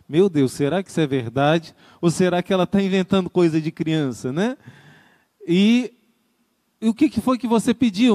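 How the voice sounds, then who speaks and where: High-voiced man telling a church story. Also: mellow, no echo, studio quality. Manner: tender storytelling, acting out a mother and child in dialogue. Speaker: religious brother and preacher. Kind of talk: storytelling sermon from a livestream.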